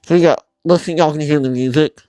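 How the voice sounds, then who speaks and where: A man hosting a casual tutorial vlog, talking informally and haltingly through a mask that muffles his mouth, often apologetic. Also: on the high side, darkish tone, no room sound, faint music behind. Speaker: video host.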